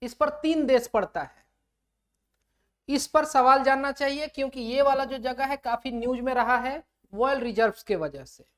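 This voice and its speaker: A woman's voice: high voice, normal speed. A woman teaching a lecture who asks her students questions and then answers them herself, mixing English terms into her explanations. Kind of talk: classroom lecture.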